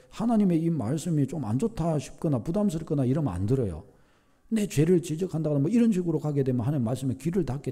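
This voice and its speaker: Animated gravelly pastor. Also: male voice, a little high. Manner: animated storyteller, acts out quoted voices. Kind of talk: sermon.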